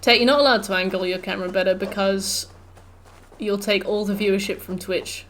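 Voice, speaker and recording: A woman's voice: medium pitch, fairly even intonation, a little fast, a bit bright. British woman streaming a game, noisy background. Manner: chatty, jokey, reactive. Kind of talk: casual gameplay commentary. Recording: background noise, game ambience. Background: video game sound.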